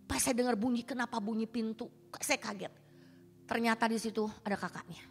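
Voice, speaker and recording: A woman's voice: fairly high pitch, steady tone, fairly quick, slight background noise. Woman pastor preaching in a reverberant hall. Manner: dramatic personal storytelling, colloquial. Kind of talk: sermon. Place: church hall. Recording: reverberant church hall with faint music.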